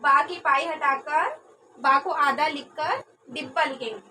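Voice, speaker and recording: A young woman teaching a class, with a high voice and an unhurried pace. She repeats each word carefully and asks questions she then answers herself. The recording is distant, with clear background noise. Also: bright, forceful tone. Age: young adult. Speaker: trainee teacher. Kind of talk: classroom lesson.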